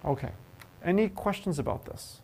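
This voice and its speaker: A man with a high voice gives a university math lecture at a moderate pace, with slight background noise. He is a lively professor who quizzes the class and jokes with them in the lecture hall.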